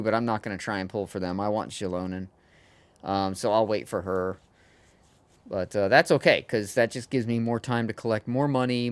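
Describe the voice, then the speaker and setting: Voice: mid-range voice, clean tone, no echo. A streamer chatting casually on a livestream, rambling and laughing often with the viewers.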